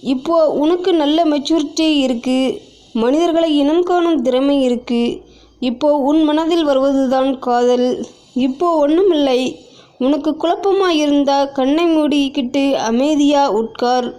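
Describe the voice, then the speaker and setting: Woman reading a calm earnest young man. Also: sits high, a little slow. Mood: reasoning.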